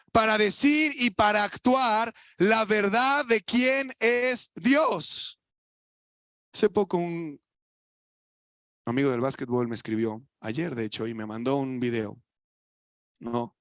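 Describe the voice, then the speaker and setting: A young adult man with a Mexican Spanish accent and a voice on the high side delivers a colloquial church sermon. He asks listeners rhetorical questions and swings between loud emphasis and soft asides, in a dry, studio-quality recording.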